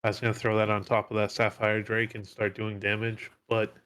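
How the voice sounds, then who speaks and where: A man's voice: fairly low pitch, completely flat delivery, fairly quick, a bit bright. A man in voice chat, matter-of-factly explaining the plays he had planned in the game. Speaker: tournament player. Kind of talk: casual voice chat.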